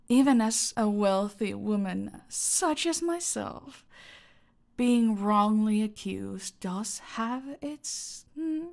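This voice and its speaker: In a roleplay audio drama, an actress plays a silky, aristocratic cartel boss who is menacing, condescending and deliberate, often sinking toward a whisper. Her voice is medium-pitched with vocal fry, and her mood is gloating.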